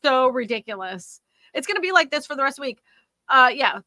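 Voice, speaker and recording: Her high, very animated voice is pushed, bright and slightly nasal, moving briskly in a studio-quality recording with no echo. A Louisiana native, she runs a casual housing market livestream, reading comments and rambling along with frequent fillers and restarts.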